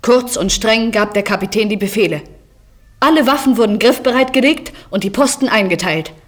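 A woman giving scripted first-person narration of an adventure story in a measured, vivid manner. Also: a little high.

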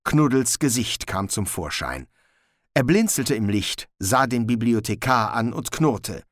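A man narrating an audiobook in a slow, expressive reading. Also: medium pitch, no room sound, clean studio sound.

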